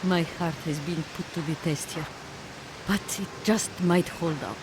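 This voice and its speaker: A woman's voice: fairly low pitch, unhurried, noisy background, lightly acted. A woman playing an anxious, motherly elderly grand lady in a video game, theatrical and fretful. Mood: weary, motherly. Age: older.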